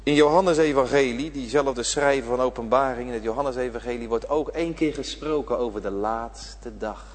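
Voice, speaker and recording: A man preaching a sermon with great passion, dropping to a hush and then rising to a shout. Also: medium pitch, moderate pace, few pauses. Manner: impassioned preaching, swinging between hushed and shouted. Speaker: pastor. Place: church. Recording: church hall reverb.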